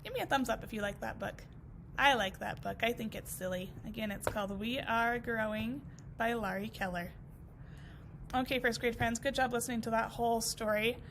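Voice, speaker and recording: Bright, expressive woman teacher. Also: fairly high pitch, normal speed, slight background noise. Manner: expressive, encouraging. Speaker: first grade teacher. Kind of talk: reading a picture book aloud to a class.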